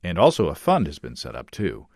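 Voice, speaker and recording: A man's voice: low-pitched, huge pitch swings, a little fast, vocal fry, a little mellow, no room sound, clean studio sound. A man hosting a podcast, reading listener notes aloud in an easygoing, chatty way. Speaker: podcast host.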